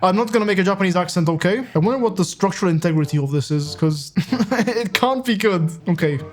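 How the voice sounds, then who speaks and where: A man's voice: high voice, expressive, fast. A young man streaming and commenting on a driving game in a casual, joking way, swearing often and laughing at his own crashes.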